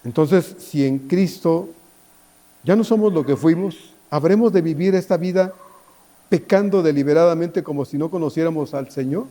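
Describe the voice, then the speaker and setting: A man preaching a sermon as pastor, pleading and dropping to a hushed voice at times. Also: a little high, moderate pace.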